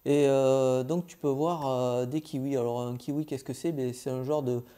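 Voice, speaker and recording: A young man recapping his travels in a casual vlog, chatty and informal, pausing often on filler sounds. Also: mid-range voice, steady tone, dark tone, clean tone. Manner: hesitant, many filler "euh"s, chatty and informal. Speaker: travel vlogger.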